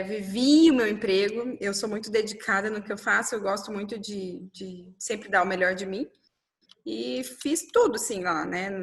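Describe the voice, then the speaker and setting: A woman, telling her own story in an interview, acting out dialogue and often tagging "né?". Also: medium pitch. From Brazil. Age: 30s. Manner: animated, quotes dialogue, frequent "né?".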